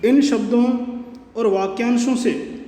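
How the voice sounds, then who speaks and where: A male teacher giving a Hindi grammar lesson, slowly repeating and dictating example sentences. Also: very high voice, steady tone, mellow. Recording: echoey room with long reverb.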